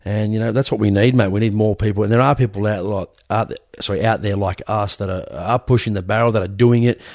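A man's voice: on the low side, fairly even intonation, quick pace, a little mellow, dry recording, studio quality. An Australian man hosting a podcast, chatting casually in a blokey, matey, rambling way. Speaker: podcast host. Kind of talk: casual interview chat.

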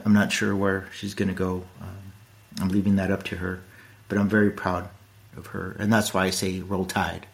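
A middle-aged man talks through a casual podcast monologue, blunt one moment and earnest the next. His voice sits a little low, and his delivery rambles. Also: vocal fry. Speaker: podcast host.

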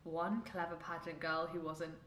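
A woman co-hosting a casual film chat, talking loosely with lots of fillers and quick laughs. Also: sits low, little pitch movement, roomy sound, a crowd in the background. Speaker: podcast co-host.

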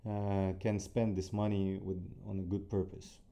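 Low, dark-voiced man with Ukrainian accent. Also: monotone, normal speed, creaky. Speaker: interview guest, athlete. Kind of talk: casual conversational interview answers.

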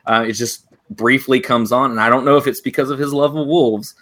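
A man co-hosting a casual fan podcast, animated and laughing often. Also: brisk. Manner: animated, laughs often, acts out quotes in a higher voice. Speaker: podcast co-host.

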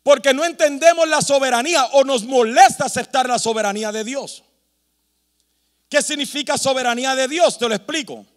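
A male pastor with a very high voice delivers a sermon with strong emphasis and rhetorical questions. He breaks in with humorous asides. His voice rings through a large church hall with a long reverb. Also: fairly quick.

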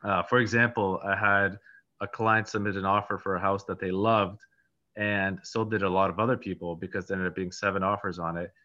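Heard on dull lo-fi audio, a man with a low, flat-pitched voice speaks briskly and sharply. He's a Polish-born podcast host and real estate agent in his thirties, giving loose, rambling interview answers packed with fillers and false starts.

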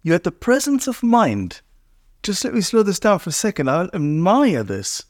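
A man hosting a podcast interview, asking questions gently and encouraging his guest. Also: high-pitched, huge pitch swings, moderate pace, no room sound, clean studio sound. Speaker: podcast host.

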